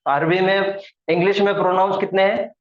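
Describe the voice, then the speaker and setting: Male grammar teacher, slightly raised pitch, repeats each point patiently; roomy echo, muffled lo-fi sound. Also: level tone, fairly quick. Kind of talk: classroom lesson explaining grammar at a board. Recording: echoey room, dull lo-fi sound.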